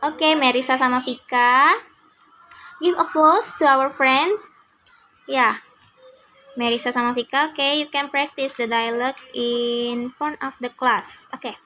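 A woman's voice: high-pitched, steady tone, measured pace, pushed and bright. A young woman with an Indonesian accent teaching a class, encouraging her students and patiently correcting their pronunciation. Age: young adult.

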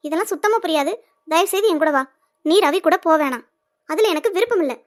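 Scornful young Pooja. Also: female voice, very high voice, expressive, fast. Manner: cutting, scornful. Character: young woman, sharp-tongued and resentful. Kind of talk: cartoon serial voice acting.

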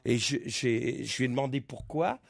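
A man's voice: medium pitch, normal speed, gravelly, breathy edge, no echo. A man on a radio panel telling a funny personal story in casual banter.

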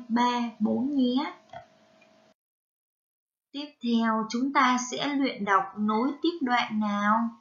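A woman with a Vietnamese accent teaching a reading lesson to young children, spelling out syllables carefully and prompting them gently. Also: on the high side, lo-fi sound. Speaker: primary school teacher.

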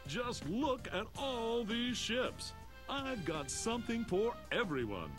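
A man's voice: very high voice, big pitch swings, takes it slowly, music in the background, exaggerated voice. An actor playing a pushy, cheerful video game ship dealer with showy, slick used car salesman patter. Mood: upbeat hard sell.

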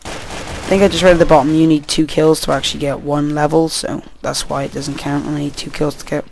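Young guy, tired, slightly high voice; loose rambling game commentary with swearing, faint hiss on a home mic. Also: little pitch movement, a little fast, gravelly, darkish tone. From Wales. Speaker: gameplay commentator. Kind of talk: casual gameplay commentary.

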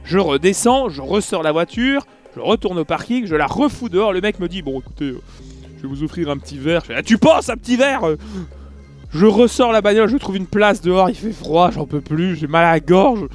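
Male vlogger, higher voice, chatty storyteller who plays out each exchange, faint music bed. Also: fairly quick. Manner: animated, acts out dialogue, many fillers. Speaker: YouTuber recounting an event. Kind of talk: casual storytelling vlog.

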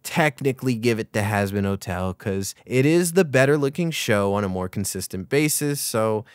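A man's voice: lowish voice, normal speed, dry recording. Hyped young guy doing a casual review vid, swears a lot, voice jumps all over, dry close sound. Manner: excitable, swears casually, laughs often. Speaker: YouTube reviewer. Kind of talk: casual opinion video.

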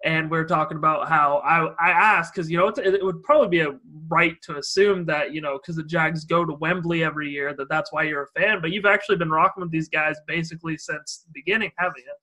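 Bright-voiced young American man hosting. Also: fairly high pitch, steady tone, fast, few pauses. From Idaho, USA. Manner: loose, filler-heavy questions. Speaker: podcast host. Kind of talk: casual interview chat.

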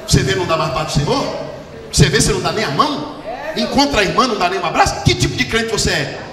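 Fervent shouting preacher in an echoey hall. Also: male voice, lively intonation, fast, over a noisy crowd. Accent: Brazilian Portuguese. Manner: fervent, swings from low murmurs to shouted peaks. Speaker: pastor. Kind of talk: sermon. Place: large church hall. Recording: echoey hall, distant mic, background noise.

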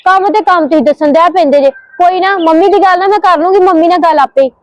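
A young woman playing a sharp-tongued, scheming sister-in-law in a short home drama, talking back indignantly. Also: extremely high pitch, dry recording, rough recording. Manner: rapid, retorting, indignant. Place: home, indoors.

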